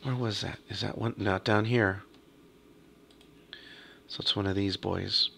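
A man casually talking through a strategy game as he plays, half muttering to himself, slightly hoarse from a cough. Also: on the low side, steady tone, a little slow, bright, forceful tone, a little hiss or hum. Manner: muttering to himself while playing. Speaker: gaming video host. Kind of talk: casual let's-play commentary.

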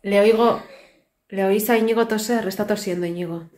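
Holding her phone camera at arm's length in a tiled kitchen at home, a woman in her thirties rambles through a casual vlog chat, tired and full of weary asides. She's a family vlogger and native Basque speaker with a Basque Spanish accent; her mid-range, darkish voice is fairly even and moderately paced, with echo and a little hiss or hum.

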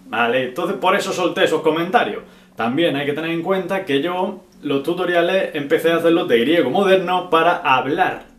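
A young man from Spain, answering viewer questions in a casual vlog, clipping words and tagging sentences with "right?". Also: fairly high pitch. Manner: chatty, drops syllables as "pa'", frequent "¿vale?" and "¿no?". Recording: echoey room with faint guitar music.

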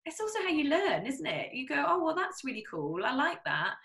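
A young woman hosts a podcast from a small home studio, her high voice swinging widely in pitch as she talks a little fast with a slightly bright tone. The casual interview chat is full of ums and bids for agreement, picked up on a studio condenser mic with roomy echo.

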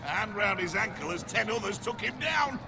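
Sarcastic soldier in a game, high and bouncy, loud noise behind. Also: male voice, lively intonation, a little fast. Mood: mocking. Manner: sardonic, mocking. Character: skeptical male soldier mocking a boaster. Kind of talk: video game dialogue.

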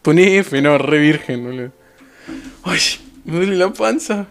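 A young Argentine man with a notably high voice streams a game, chattering to his viewers. He talks in bursts, repeating the same short phrases again and again with a restless, excitable energy. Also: a little slow. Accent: Argentine Rioplatense Spanish. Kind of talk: live gameplay commentary.

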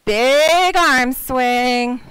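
An American woman coaching an exercise class like a barking gym coach, calling out short, energetic, encouraging commands and countdowns. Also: high voice, drawn-out words, clear, resonant tone, dry recording. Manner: energetic, exercising while talking. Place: medium-sized indoor community room with class.

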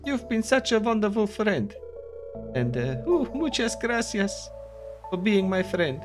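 A man's voice: high-pitched, big pitch swings, unhurried, voice pushed up. A man voicing an emotional, middle-aged single-mother ship captain who drops Spanish exclamations and "aye" as she gushes, with game music behind. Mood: tender emotional. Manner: sentimental, gushing.

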